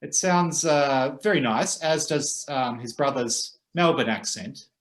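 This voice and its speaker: Male co-host, measured and halting delivery, roomy sound. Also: mid-range voice. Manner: thoughtful, hesitant with frequent "uh" pauses. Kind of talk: casual conversational chat. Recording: roomy echo.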